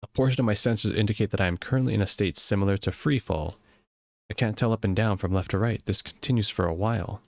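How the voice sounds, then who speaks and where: A young man reading a game's story text aloud in a steady way, sometimes joking about his own misreads. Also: lowish voice, fast, no room sound. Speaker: gameplay narrator.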